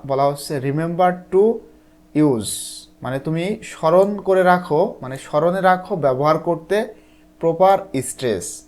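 A teacher from Bangladesh explaining textbook answers to students, reading English lines slowly, then translating them and often checking that they follow. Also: mid-range voice, a little mellow. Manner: patient, repeats "ঠিক আছে?" to check understanding.

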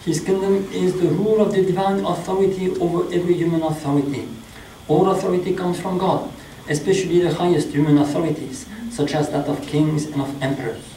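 A middle-aged man with a French accent, a priest reading a sermon slowly and in a measured way in a small chapel. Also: on the high side, dark tone, a little hiss or hum. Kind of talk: sermon read from notes. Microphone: stand mic. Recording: echoey chapel, mic at a distance.

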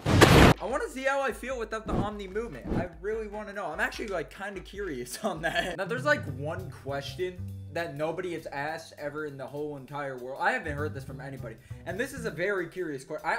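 A young man giving casual gameplay commentary, swearing freely in slangy trash talk. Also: sits high. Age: young adult. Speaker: gaming YouTuber. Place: small room indoors.

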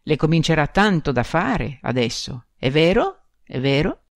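A woman's voice: sits low, big pitch swings, measured pace, no room sound, studio quality, heavily acted. A woman voicing an anxious middle-aged country mother who coaxes and urges insistently. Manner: urging, insistent.

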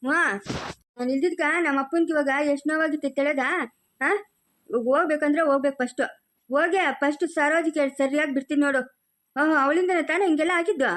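A woman's voice: sits high, fairly even intonation, fast talker, close to an everyday voice. A woman playing a stubborn young village man in a family skit, speaking rural Chikkaballapur Kannada in an insistent, scolding way.

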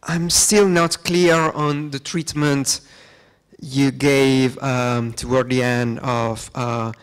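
A young man in the audience asks a long, careful question in a lecture hall. He hesitates often, filling gaps with ums. His voice is at a middle pitch, held close to a handheld mic. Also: level tone, smooth. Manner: halting, many ums. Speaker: audience member asking a question. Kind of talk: academic question.

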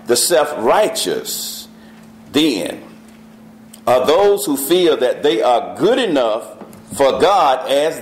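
Animated man teaching Bible study. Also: medium pitch. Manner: reads scripture slowly, quizzes the class. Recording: echoey church room.

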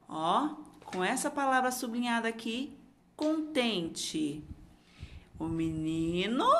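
A woman's voice: mid-range voice, slight background noise. A Brazilian woman giving a lesson to young children as their teacher, posing questions and answering them. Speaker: primary school teacher.

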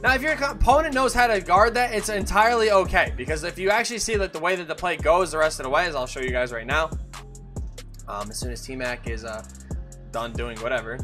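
Hiccuping as he goes, a young gaming YouTuber gives casual commentary on a game tutorial for his channel, rambling with fillers and correcting himself. His voice runs a little high, brisk, pushed and bright. Soft music plays in the background.

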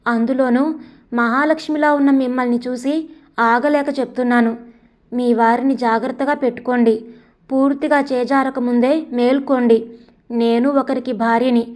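A woman voicing a hesitant, apologetic young typist. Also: sits high.

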